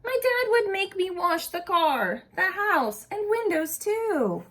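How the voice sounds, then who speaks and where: A woman reading a picture book aloud expressively to young children, pausing to ask them simple questions. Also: very high voice, big pitch swings, fairly bright tone.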